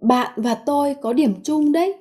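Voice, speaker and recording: A woman reading translations of short phrases in an even, plain manner. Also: sits high, moderate pace. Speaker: Vietnamese translation reader.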